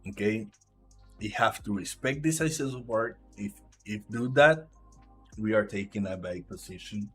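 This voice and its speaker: Soft music plays behind a Puerto Rican man, a native Spanish speaker with a Puerto Rican accent, as he trades live. In a lowish voice he reads the chart aloud, his commentary coming out haltingly.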